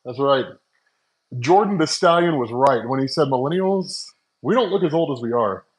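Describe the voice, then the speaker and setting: A comics channel host in his forties chats casually with live-stream viewers from home while making coffee, speaking loosely with plenty of fillers and laughter into wireless earbuds. His mid-range voice is expressive and moves at a normal speed, though the audio quality is poor.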